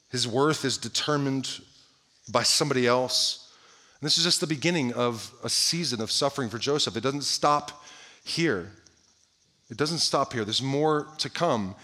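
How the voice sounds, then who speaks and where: Bright-voiced man preaching a sermon. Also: mid-range voice. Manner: asks the listeners many direct questions; drops to a hushed voice at the ends of phrases. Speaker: pastor.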